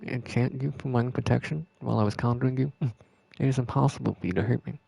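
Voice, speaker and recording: A man's voice: mid-range voice, fairly even intonation, quick pace, vocal fry, warm tone, husky, dry recording, poor audio. A man reading the lines of a haughty sorceress villain from a video game, in a cold, gloating manner. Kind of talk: reading game dialogue aloud.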